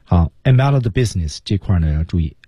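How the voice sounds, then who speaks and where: A man co-hosting an English lesson on a radio program, explaining lively and acting out English lines. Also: low-pitched, fast talker, breathy edge, dry recording, studio quality. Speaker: radio English teacher, co-host. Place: radio studio.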